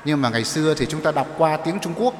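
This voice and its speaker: Priest preaching in an echoey church. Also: male voice, on the high side, expressive, quick pace, a little hiss or hum. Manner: explanatory, asks the congregation questions. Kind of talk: sermon. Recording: echoey church with long reverb.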